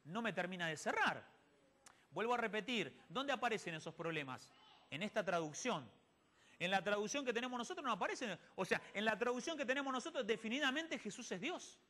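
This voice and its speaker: A man's voice: sits high, very animated, brisk, bright, forceful tone. A man giving a sermon-style Bible teaching in a church, asking rhetorical questions and quoting conversations. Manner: asks the audience rhetorical questions and answers them; quotes others in conversation. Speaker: church speaker.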